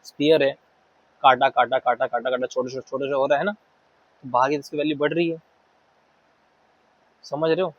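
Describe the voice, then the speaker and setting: Casual man tutoring math, husky muffled voice. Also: mid-range voice, level tone, moderate pace, pauses often, no room sound. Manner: explains informally, repeats words, mixes English terms. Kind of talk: casual Hindi-English lecture. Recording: muffled lo-fi recording.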